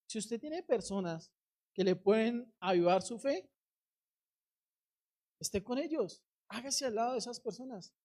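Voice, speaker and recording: A woman's voice: mid-range voice, mellow. A middle-aged woman preaching a sermon, urging the congregation directly and acting out quoted voices.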